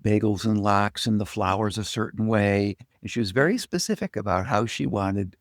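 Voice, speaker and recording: Very deep-voiced man, reflective. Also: normal speed, no room sound, studio quality. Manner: reflective storyteller. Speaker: podcast host. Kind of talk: casual conversation.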